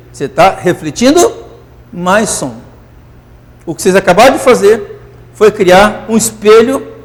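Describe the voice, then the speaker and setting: A man teaching physics in a classroom lecture, euphoric and animated, constantly checking that students follow. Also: high voice, in a large hall.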